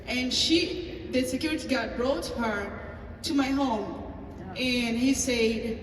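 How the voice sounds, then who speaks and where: A woman's voice: on the high side, slow pace. A woman pastor with a Tanzanian accent telling a personal story at a table talk, acting out dialogue with hesitant fillers. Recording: echoey hall from far off, faint ambience.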